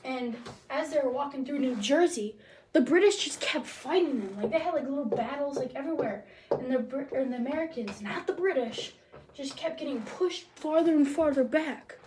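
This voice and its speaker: Woman, homemade history explainer, high-pitched, goofy, slangy, lively delivery. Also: normal speed, a little hiss or hum, poor audio. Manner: playful and jokey, with slang asides; lively, with sudden loud bursts and drops to near-whispers. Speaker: presenter of a homemade history video.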